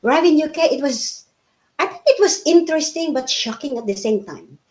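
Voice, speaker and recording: Her voice high-pitched, expressive and darkish, this woman in her fifties talks a little fast about her life in a casual interview. She is from the Philippines and a native Tagalog speaker, and she chats along with frequent fillers and restarts.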